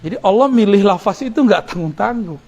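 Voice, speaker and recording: Indonesian guy preaching, kinda high voice, explains arabic words, cracks jokes. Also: expressive, fairly quick, darkish tone, highs cut off. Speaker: Islamic preacher. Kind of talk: religious lecture.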